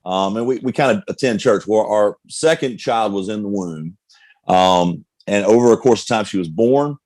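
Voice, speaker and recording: A middle-aged pastor appearing as a guest recounts his life story candidly in conversation, offering a personal testimony with frequent restarts. His voice is lowish and darkish, at a normal pace, with no room sound.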